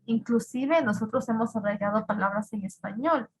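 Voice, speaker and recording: A woman teaching an English class, repeating each phrase slowly in English and then giving it in Spanish, with an Ecuadorian accent. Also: a little high, low-quality recording. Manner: slow repetitive drilling of words, switching between English and Spanish. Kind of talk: bilingual online class.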